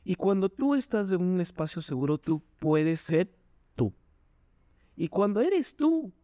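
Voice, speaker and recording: A man, a doctor and Zumba instructor, talking with animated energy in a podcast interview, acting out quotes in a higher voice. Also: dry recording. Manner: animated, jumps in pitch when quoting people. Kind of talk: enthusiastic interview talk.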